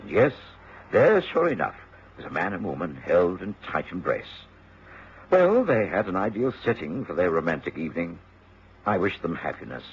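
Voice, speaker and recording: A man playing a genial middle-aged gentleman doctor in a radio drama. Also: low-pitched, sing-song, moderate pace. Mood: reflective. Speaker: actor and first-person narrator. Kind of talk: radio drama narration and dialogue. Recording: dull, lightly noisy radio recording.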